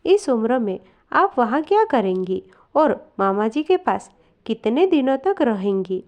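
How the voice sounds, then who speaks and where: A woman reading the lines of a gentle, polite young daughter-in-law who speaks softly and respectfully, at a slow storyteller's pace. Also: fairly high pitch, big pitch swings, lo-fi sound. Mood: pleading, soothing. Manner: soft, respectful, soothing.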